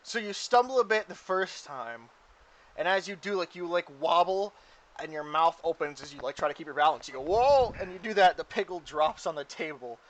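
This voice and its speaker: A woman with a somewhat low voice runs a tabletop game. She narrates loosely and playfully, often pausing on "like.". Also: rough recording. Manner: casual, giggly, with many "like"s. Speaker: game master.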